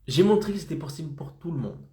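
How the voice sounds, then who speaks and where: A man's voice: on the high side, animated, fast talker, warm tone, roomy sound. A man with a slight head cold, coaching freelancers in a motivational live stream and keeping his audience engaged with frequent check-ins. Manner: insistent, keeps checking in with "d'accord?" and "ok?".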